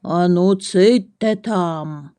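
A woman voicing a sleepy, grumpy male bear with a deep, gruff voice. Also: drawn-out words, dark tone, no room sound. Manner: drowsy grumbling.

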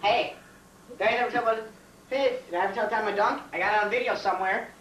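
A man's voice: sits high, quick pace, a bit bright. A young man doing a comic teacher impression of a petty, self-important, repetitive basketball coach. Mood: boastful. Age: young adult. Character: boastful, petty male high school basketball coach. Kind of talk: teacher impression, comedy skit. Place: home kitchen. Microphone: camcorder across the room. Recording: roomy, distant, hissy home camcorder.

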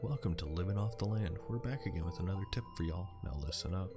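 A man reading as a low, folksy TV tipster. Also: quick pace, over loud music, close to an everyday voice. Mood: upbeat advising. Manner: folksy, instructive. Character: folksy TV tipster on a country living show. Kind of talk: reading video game dialogue aloud.

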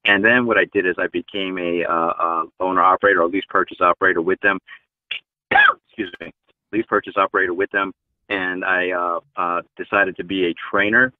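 This forty-something truck driver, a guest in a casual interview, has a low voice with fairly even intonation and a brisk pace. He speaks earnestly with lots of fillers over a video call that sounds like a tinny phone line, with no echo.

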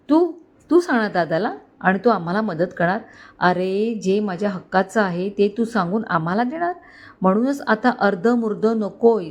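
A woman's voice: medium pitch, close to an everyday voice. A woman doing a furious scheming uncle. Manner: shouting, bitter and threatening. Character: greedy ruthless middle-aged uncle, a man. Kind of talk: storybook narration.

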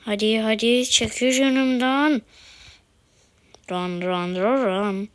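A woman's voice: fairly high pitch, slow, clear, resonant tone. A woman commentating her own mobile game, exasperated, exclaiming and pleading at the screen. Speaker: gaming video host.

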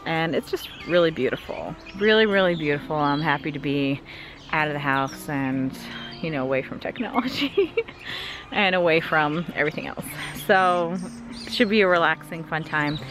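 A woman's voice: sits low, animated, moderate pace, over music. A young woman chatting cheerfully as she films herself at a wooded campsite, with the camera held at arm's length. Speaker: artist vlogger. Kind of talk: casual vlog narration.

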